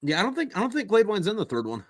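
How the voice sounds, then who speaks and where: A man's voice: high voice, wildly swooping pitch, rapid-fire, no room sound, clean studio sound. A man hosting a casual chat, often repeating words in a stammering run-up to his sentences. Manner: stammering word repetitions. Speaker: podcast host.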